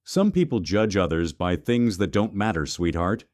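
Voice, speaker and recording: A man reading the part of a protective father who speaks calmly and firmly. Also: deep voice, normal speed, no room sound, studio quality. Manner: calm, firm. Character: protective wealthy father, calm and firm.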